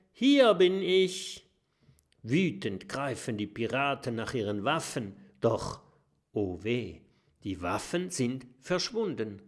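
A man narrating a children's storybook with a lively, expressive reading. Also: medium pitch. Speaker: audiobook narrator.

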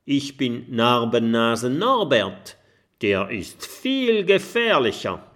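A man voicing a young female porcupine in a children's audiobook, fearful and sharp-tongued. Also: medium pitch, very animated, slow. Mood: boastful.

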